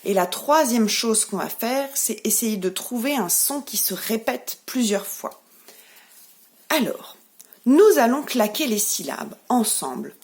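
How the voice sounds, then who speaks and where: French woman, preschool teacher, remote lesson for small kids; fairly high voice with a lively, sing-song rise and fall. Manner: slow, clearly articulated, encouraging. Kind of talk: remote lesson for young children.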